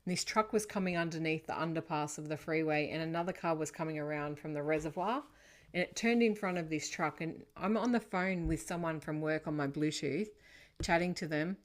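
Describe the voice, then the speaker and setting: A woman hosting a spiritual podcast, telling stories in an animated, dramatic way. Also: sits low, fairly quick. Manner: animated storytelling, dramatic retelling. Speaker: podcast host. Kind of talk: casual interview chat.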